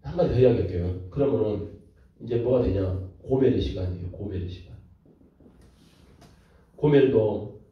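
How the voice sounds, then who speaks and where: A man preaching as a pastor, lively and full of rhetorical questions to his listeners. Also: on the low side, moderate pace, pauses often. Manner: animated, rhetorical questions to the audience. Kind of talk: sermon lecture. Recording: echoey room from far off, dull lo-fi.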